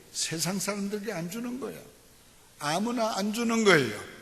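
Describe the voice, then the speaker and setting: A male pastor preaching a sermon, asking the congregation questions and answering himself, dropping slow and low for scripture and prayer. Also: a bit bright, long reverb tail. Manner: call-and-response preaching, repeated "예" and questions to the congregation. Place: church sanctuary.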